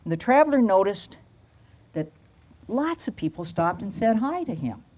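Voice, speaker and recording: An older woman pastor preaching a storytelling sermon outdoors at a lectern into a handheld mic, slowing down to stress key phrases. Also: medium pitch, big pitch swings, darkish tone, slight background noise. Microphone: handheld microphone.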